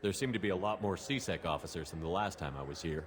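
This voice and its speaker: A man's voice: deep voice, quick pace, noisy background, natural voice. A man voicing a blunt, abrasive male soldier commander with a sarcastic, confrontational streak.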